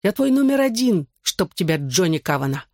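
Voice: medium pitch, lively intonation, normal speed, no echo, clean studio sound, close to an everyday voice. A narrator voicing a cheeky, meddling teenage boy in an audiobook, teasing and theatrical. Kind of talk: audiobook character voice.

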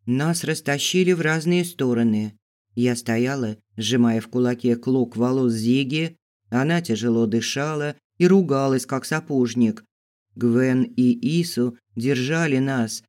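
A man narrating an audiobook in a steady storytelling voice. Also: mid-range voice, a little slow. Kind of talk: scripted narration.

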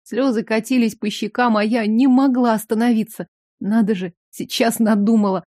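A woman reading a novel aloud in first person, measured and even. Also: on the high side, dry recording, clean studio sound. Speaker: audiobook narrator. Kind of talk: first-person audiobook narration.

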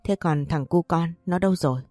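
A woman's voice: lowish voice, brisk, mellow, dry recording, clean studio sound, faint music behind, natural voice. A woman voicing a cautious older male neighbor who asks brusque questions, in a storybook reading. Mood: alarmed.

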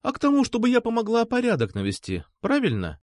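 A man voicing a brisk, teasing young woman who bosses around a classmate, with sharp mocking questions. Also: extremely high pitch, huge pitch swings, no echo, studio quality, voice pushed up, full character voice.

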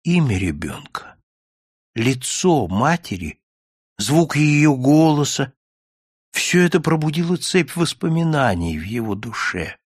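A man narrating a classic story as an audiobook in an expressive, dramatic reading style. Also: mid-range voice, measured pace, slightly rough, no echo, clean studio sound. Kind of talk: scripted literary narration.

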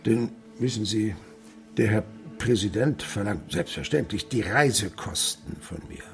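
A stammering, scheming old miser. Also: male voice, lowish voice, animated, measured pace, vocal fry, soft background music. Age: older. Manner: sly, stammering, drops to whispers. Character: stingy old male miser, scheming wine merchant. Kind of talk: radio play acting.

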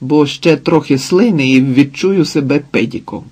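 A blunt, sardonic young man, voiced by a male reader, speaks in a dry and mocking way. His tone is dark and a little husky, and he grumbles more than he cheers. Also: fairly high pitch, moderate pace. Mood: ironic. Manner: dry, ironic.

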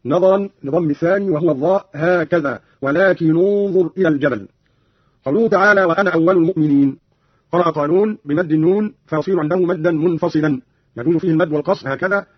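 A man presenting a formal radio lesson, explaining reading variants in a measured, precise way and quoting verses as examples, on a dull lo-fi radio recording. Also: on the high side, slightly rough, no echo.

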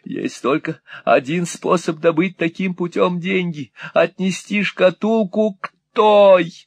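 Squealing old miser, shrill and way up high, freaking out, dry close sound. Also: male voice, creaky, dry recording, exaggerated voice. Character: shrieking panicked old miser, greedy and terrified.

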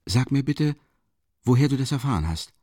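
A man reading a tense, frightened young man who asks low, hushed questions. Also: lively intonation, moderate pace, dry recording, clean studio sound, lightly acted.

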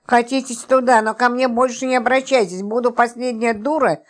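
A woman's voice: on the high side, fairly even intonation, moderate pace, lightly acted. A woman voicing Lipochka, an indignant, jealous young housewife who talks sharply and huffily. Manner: sharp, huffy, tearful outbursts.

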